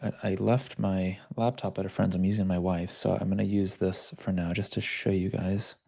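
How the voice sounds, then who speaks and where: A man's voice: low voice, level tone, normal speed, gravelly, warm tone, breathy edge. A man who works as a life coach, teaching an online workshop over a video call in a conversational, storytelling way.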